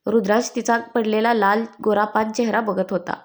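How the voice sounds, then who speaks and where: A woman reading a romance story aloud as storyteller, with steady, expressive narration. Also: mid-range voice, moderate pace.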